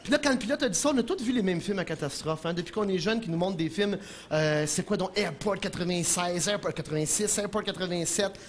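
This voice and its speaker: A man with a Quebec French accent doing an animated stand-up comedy monologue in a television studio, breaking into impressions. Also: high-pitched, quick pace, a little hiss or hum. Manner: animated, jumps into shouted impressions, chuckles at own jokes.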